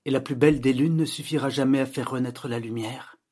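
A tearful film heroine declaims with a sob caught in her voice, as a man reading a storybook puts her on. The delivery is grand and theatrical, with a slightly husky edge. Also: medium pitch, fairly even intonation, fairly quick, a little mellow, lightly acted. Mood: tragic. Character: melodramatic woman film star, tearful.

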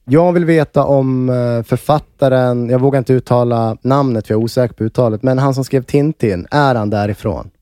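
Male co-host, mid pitch, jokey sidekick, dry mic. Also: few pauses, warm tone, clean tone, no echo. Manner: joking, short reactive replies. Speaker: podcast co-host. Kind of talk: casual podcast chat.

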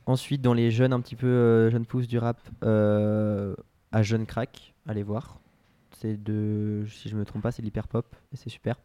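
Male podcast co-host, low mellow voice, dry close sound, hesitant rambling delivery. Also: level tone, a little slow, clear, resonant tone, no room sound. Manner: rambling, hesitant, full of restarts. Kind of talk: casual chat.

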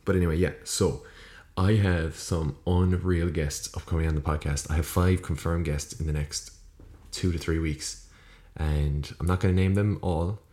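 An Irish man with a very low voice talks solo as a podcast host. His intonation stays flat while he rambles casually, corrects himself and swears offhand. The room around him sounds echoey, with poor acoustics. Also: normal speed, few pauses. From Ireland. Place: small room, indoors. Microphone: USB podcast microphone.

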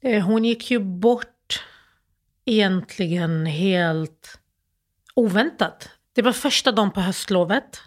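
Grieving woman guest, halting emotional storytelling, lots of false starts. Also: medium pitch. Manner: halting, emotional, many restarts and fillers. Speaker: interview guest. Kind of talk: personal storytelling in an interview.

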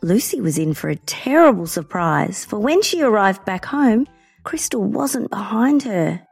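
A woman narrating a children's story in an expressive, dramatic way. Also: mid-range voice, unhurried, gravelly, husky, faint music behind.

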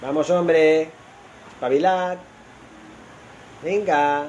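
Spaniard in excited goal commentary, noisy stream. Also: male voice, a little high, extremely slow, dull audio. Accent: Spanish from Spain. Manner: excited goal commentary, shouting goals and repeating exclamations. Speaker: football commentator on an online radio stream. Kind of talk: live, improvised football commentary.

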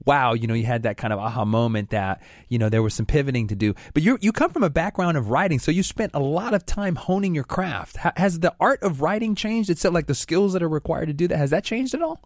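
A man's voice: on the high side, expressive, fast talker, hardly any pauses, dry recording, clean studio sound. A man hosting a show, chatting with a guest and giving frequent short affirmations and encouragement. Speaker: show host. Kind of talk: casual interview.

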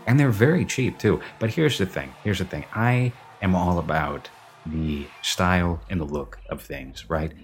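This podcast host has a low, lively voice and keeps a measured pace while chatting casually about films, rambling, opinionated, and prone to self-correction. Reverb from the empty basement surrounds him, with a little hiss or hum underneath.

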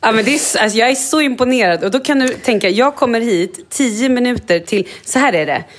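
A woman co-hosting a podcast from a hotel makeup room, telling stories excitedly and acting out quoted dialogue in a casual chat. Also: fairly high pitch. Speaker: podcast co-host.

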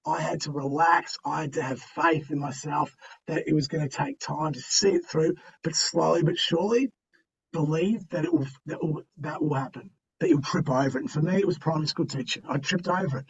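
A middle-aged Australian man talks as a podcast guest in a fairly high voice with plenty of gravel. He is blokey and emphatic, spinning stories in loose slang. The sound is a little distant from the mic, with faint noise. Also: fairly quick, dull audio. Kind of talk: animated interview storytelling and motivational chat.

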